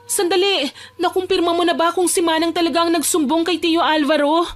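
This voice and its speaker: A young woman voicing a frightened young woman locked in a dark basement, tense and pleading as she narrates her own horror story. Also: very high-pitched, fairly even intonation, brisk, no room sound. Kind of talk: first-person horror story narration and dialogue. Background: faint music.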